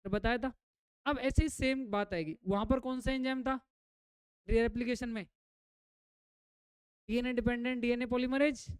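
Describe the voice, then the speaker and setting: A woman's voice: on the high side, steady tone, moderate pace, pauses often, clear, resonant tone, no echo. A woman biology teacher giving a classroom lecture. She keeps asking her students questions and then repeats the answers herself, mixing English terms into her explanations.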